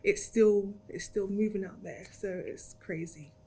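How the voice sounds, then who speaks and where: A woman's voice: mid-range voice, unhurried, mellow. A woman in her thirties with a London accent, chatting in an interview and acting out her own past words as she tells the story. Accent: London English. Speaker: interviewee, graduate. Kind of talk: casual interview chat.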